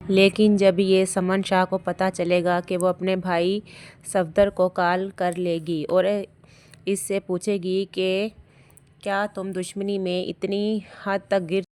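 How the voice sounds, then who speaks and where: A woman's voice: medium pitch, little pitch movement, darkish tone. A woman hosting a drama review channel, steadily retelling an episode's plot. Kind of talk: plot recap narration.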